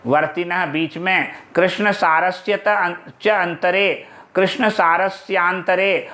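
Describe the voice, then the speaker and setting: A man with a fairly high voice teaches a Sanskrit play at an unhurried pace. He chants each line slowly, then explains it in Hindi, repeating key words and asking his own questions before he answers them. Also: pushed and bright. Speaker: Sanskrit lecturer.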